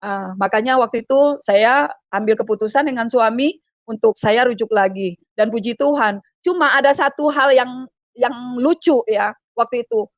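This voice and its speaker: A woman from Palembang, Indonesia, giving an emotional personal testimony, talking in a halting, repetitive way with frequent fillers. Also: on the high side, no echo. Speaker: guest giving a conversion testimony. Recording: dull, slightly lo-fi dry sound.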